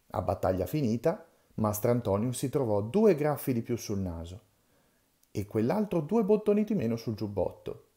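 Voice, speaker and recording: A man's voice: medium pitch, mellow. A man reading the first chapter of a classic children's novel aloud, in a storyteller's manner. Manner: storyteller's reading, dramatic in the quarrels. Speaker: reader.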